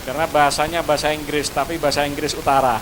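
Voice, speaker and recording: Speaking very fast in a flat, fairly high voice over a noisy background, a Madurese-accented school speaker from Madura addresses parents and students outdoors. His graduation speech is preachy, and he uses Javanese honorifics toward listeners.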